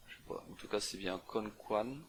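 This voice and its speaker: Talking fast in a low-leaning but fairly bright voice, a young CTF walkthrough presenter works through an on-screen map puzzle. The casual screen recording has slight background noise, and he thinks out loud, full of fillers and restarts.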